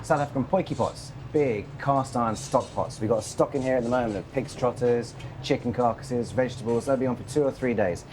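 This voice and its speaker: Male cook, mid pitch, guides through a busy kitchen with its hum behind him. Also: fairly quick, hardly any pauses. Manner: descriptive, guiding. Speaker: restaurant cook. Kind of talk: kitchen tour. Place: restaurant kitchen.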